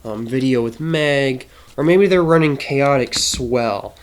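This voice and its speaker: Stuffed up and nasal from a cold, a man who makes trading card game content walks through a deck slowly and casually. His voice is medium-pitched, and his explanation is hesitant, full of ums and restarts.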